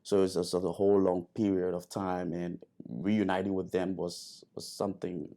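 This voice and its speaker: A man's voice: deep voice, little pitch movement, moderate pace, warm tone. A man, a guest telling his story in an interview, hesitant with many fillers and restarts. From Liberia. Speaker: guest, airman.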